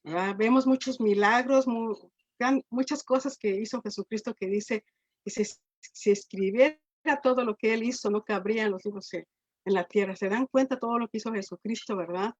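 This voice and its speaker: A woman preaching a sermon, her voice sitting a little high. She keeps checking in with the congregation through tag questions and restarts words as she thinks aloud. The recording is dull and lo-fi. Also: moderate pace, a little mellow.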